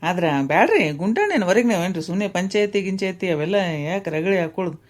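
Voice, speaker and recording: A woman's voice: mid-range voice, expressive, natural voice. A woman doing a chatty North Karnataka village man. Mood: coaxing. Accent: North Karnataka Kannada. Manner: quick, chatty and teasing. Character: middle-aged village man, talkative and teasing. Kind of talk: cartoon voice acting.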